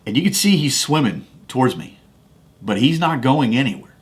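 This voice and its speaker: A man's voice: medium pitch, expressive, moderate pace. A man hosting a podcast, talking casually about faith and telling a personal story in a folksy, conversational way with frequent restarts. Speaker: podcast host. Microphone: studio microphone.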